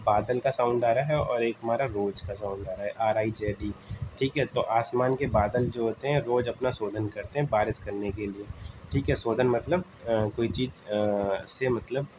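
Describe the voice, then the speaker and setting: A man's voice: medium pitch, background noise. A man teaching exam vocabulary in a casual lesson, explaining memory tricks, calling listeners friends and checking in often with "okay". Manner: explains words with memory tricks, repeats "theek hai" often; addresses listeners as "friends", frequent "uh" pauses. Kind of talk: informal exam-prep lesson.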